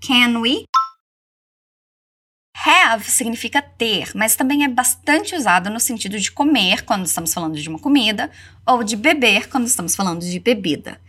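A Brazilian woman teaching English, modelling phrases slowly for learners to repeat. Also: on the high side, lively intonation, sharp tone, slightly rough. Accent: Brazilian Portuguese. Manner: slow, deliberate model pronunciation. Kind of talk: language lesson with repeat-after-me drills.

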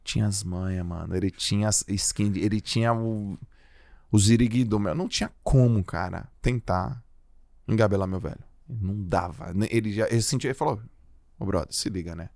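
A man from Brazil, a podcast guest, telling stories in a casual, slangy, animated way. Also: lowish voice, moderate pace, gravelly, no room sound, clean studio sound. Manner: slangy, animated, acts out quoted voices.

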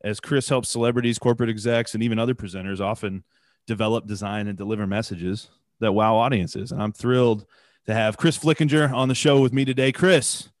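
A man's voice: fairly low pitch, steady tone, fairly quick, dry recording. Male podcast host, radio announcer voice, upbeat, dry close sound. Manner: upbeat, polished introductions. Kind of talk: podcast interview.

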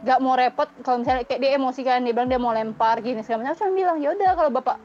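A young woman telling a story in casual chat, lively, often laughing and acting out the dialogue she quotes. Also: high-pitched, rapid-fire. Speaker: guest. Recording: dull lo-fi sound with faint music.

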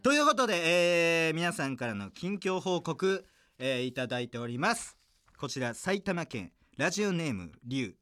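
A man with a Kansai accent hosts a casual comedy podcast, his slightly high voice leaping all over the place as he tells jokey stories. The tone is bright and forceful, and he keeps breaking into laughter. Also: very animated, moderate pace, clean tone. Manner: playful, jokey storytelling, often laughing.

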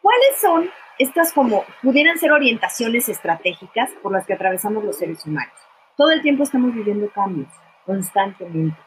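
Chatty woman, bright pitch. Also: very animated, a little fast, a little hiss or hum, low-quality recording. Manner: warm, conversational, addresses viewers by name. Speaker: speaker answering viewer questions. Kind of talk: live talk on emotions.

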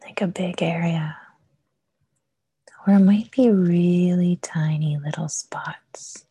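A woman whispering a guided meditation, soft and soothing with long pauses. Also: fairly low pitch, fairly even intonation, breathy edge, no room sound.

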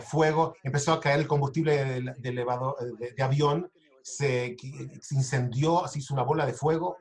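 A man with a slightly high voice speaks to a live audience, telling a personal story in an earnest, direct way. He stumbles and restarts often, searching for his words. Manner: halting, many restarts and stammers. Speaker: survivor giving a talk.

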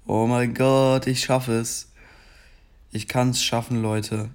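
A man's voice: medium pitch, level tone, smooth. A young man with a scratchy voice giving casual commentary while playing a game, rambling, then breaking into frustrated outbursts. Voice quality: scratchy morning voice. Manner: frustrated outbursts between slow chatter. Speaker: gaming video creator.

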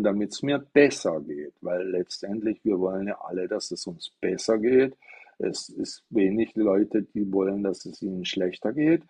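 Talking about Buddhism in a loose, rambling live-stream monologue recorded on an iPad, a man from southwest Germany explains as he goes and asks himself rhetorical questions. His lowish voice comes across mellow and husky.

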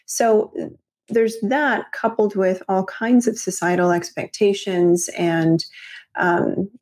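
A woman talking in a podcast conversation, explaining things in a measured way and laughing easily. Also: mid-range voice, fairly even intonation, darkish tone.

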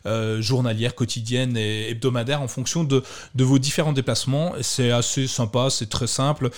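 Man, podcast host, casual tech chat, halting with fillers, medium pitch. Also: fairly even intonation. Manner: hesitant, many fillers and restarts.

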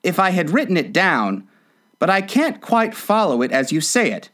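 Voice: medium pitch, huge pitch swings, moderate pace, pitched above the performer's own voice. A narrator voicing a polite but pert, opinionated young girl in a storybook.

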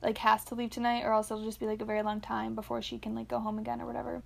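A woman chats casually as a podcast co-host, rambling and giggling through a movie recap. Her voice sits a little high and has a gravelly, fried edge. Her talk is full of fillers and restarts. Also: monotone, rapid-fire.

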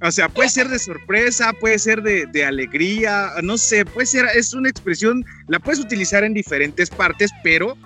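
Mexican guy hosting a chat, bit high voice, bright tone, rambly w lots of fillers, faint music behind. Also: animated, moderate pace, hardly any pauses. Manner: rambling, many fillers and restarts. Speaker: host interviewing a guest. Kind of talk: casual conversational interview.

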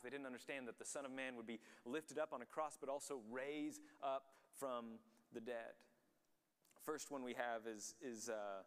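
A man's voice: mid-range voice, a bit bright. A young adult man teaching a Bible study in a casual, conversational way. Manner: conversational, acts out the quotes in voices. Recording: long hall reverb.

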